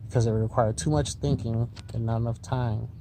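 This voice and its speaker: A man's voice: medium pitch, fairly even intonation, fairly quick. A man tripping on mushrooms, musing in a spaced-out, drifting, repetitive philosophical monologue addressed to the listener. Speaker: vlogger. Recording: noisy recording with vehicle-like ambient noise.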